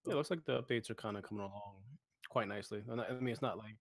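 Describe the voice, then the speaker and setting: A man's voice: on the low side, very fast, no echo, clean studio sound. A man co-hosting a casual gaming podcast, easygoing, running down the week's topics with fillers. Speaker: podcast co-host.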